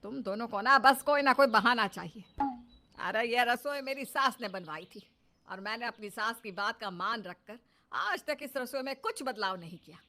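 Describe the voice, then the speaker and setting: A woman's voice: on the high side, lively intonation, normal speed. Woman doing a stern scolding old mother-in-law. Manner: scolding, sharp retorts. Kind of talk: cartoon dub.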